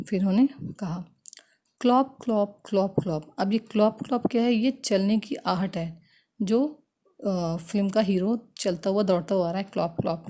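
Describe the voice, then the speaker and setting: A woman teacher who reads English lines from a story slowly, then explains them in Hindi, acting out its exclamations. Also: mid-range voice, dark tone. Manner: acts out exclamations with feeling.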